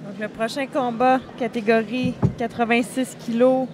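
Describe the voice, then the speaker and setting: A woman's voice: fairly high pitch, fairly even intonation, normal speed. A woman with a Quebec French accent giving casual, somewhat hesitant live commentary on a boxing match. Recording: heavy background noise.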